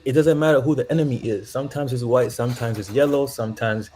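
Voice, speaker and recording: Talking fast in a mid-range, somewhat dark voice, a young man from Zambia rings into a show for a relaxed chat. He rambles, muses aloud, and laughs a lot.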